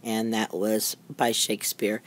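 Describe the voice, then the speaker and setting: A woman's voice: a bass voice, flat delivery, measured pace. A middle-aged woman giving a casual, chatty show-and-tell of her handmade crafts, rambling and easily amused. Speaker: craft maker showing handmade journals. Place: indoors at a craft desk.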